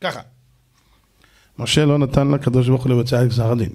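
Animated man preaching a dramatic sermon. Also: medium pitch. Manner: animated, dramatic, colloquial storytelling. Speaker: rabbi. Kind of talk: sermon with acted stories.

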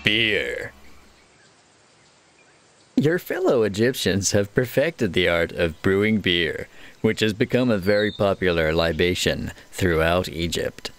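A man's voice: low-pitched, animated, moderate pace. A man playing a city-building game, reading its text aloud and muttering building names twice over as he plays. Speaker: let's play gamer. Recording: game music under the voice. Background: game music.

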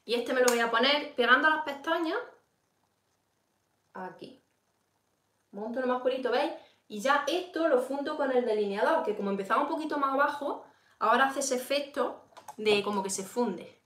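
In an echoing home room, a woman with a Peninsular Spanish accent streams a casual makeup lesson, talking to viewers and answering their comments mid-application. Her high-pitched, animated voice is fairly bright and moves at a moderate pace with long pauses. Slight background noise can be heard.

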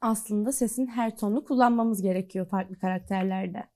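Yumuşak, sıcak sesli kadın sunucu. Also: female voice, medium pitch, steady tone, normal speed, warm tone. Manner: polite, inquisitive questioning. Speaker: program host. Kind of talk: interview questions.

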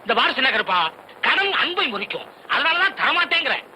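A preachy village elder, very bright voice. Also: male voice, very high voice, big pitch swings, brisk, slight background noise, exaggerated voice, poor audio. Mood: lecturing. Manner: lecturing with mock wisdom.

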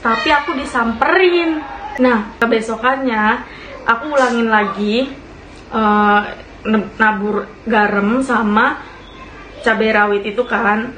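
A woman's voice: fairly high pitch, a bit bright. A young woman, telling a ghost story in a casual, chatty way to her listeners and often laughing as she talks. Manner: chatty, addresses listeners as friends. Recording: echoey room with faint hiss.

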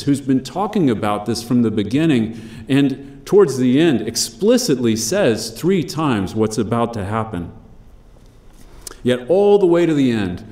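A man preaching a sermon, measured and emphatic, slowing down on key phrases. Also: medium pitch, darkish tone, roomy sound. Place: church.

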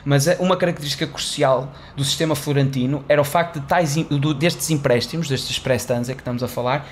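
Speaking a little fast in a steady, mid-range voice, this young European Portuguese host talks through finance history in a chatty, gesturing style full of restarts and fillers. He sits in a small dark-walled studio with headphones, using a condenser mic on a boom arm, and there's slight hiss or hum.

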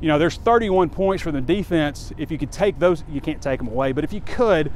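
The voice here is a little high and a little mellow, lively in intonation and a bit fast. It belongs to a sports site publisher in his forties, rambling candidly with fillers as he walks a campus street near a stadium, recording himself on a close-held phone camera with faint street noise around.

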